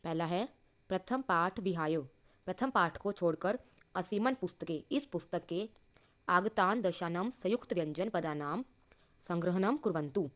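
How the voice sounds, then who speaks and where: Low-leaning and expressive, a woman's voice carries a Sanskrit grammar lesson explained in Hindi. She responds to her own questions and slowly elongates each syllable she reads.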